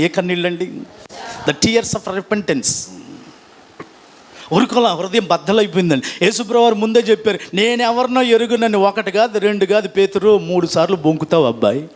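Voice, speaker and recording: A pastor preaching a sermon, leading the congregation in call-and-response and mixing in English phrases. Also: male voice, very high-pitched, fairly bright tone.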